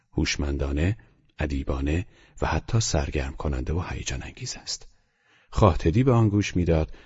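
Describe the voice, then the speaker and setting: A man narrating an audiobook in a calm, measured storytelling voice. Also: very deep voice, husky, dull audio. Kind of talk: scripted narration.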